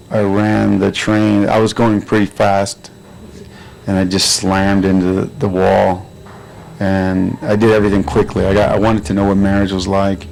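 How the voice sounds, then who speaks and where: A man with a low, gravelly voice talks about his work at a premiere. His delivery stays flat and even as he wanders through long, relaxed answers full of fillers. The tone is casual and easygoing throughout. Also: low-quality recording. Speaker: actor and producer. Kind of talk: premiere interview. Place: crowded premiere event.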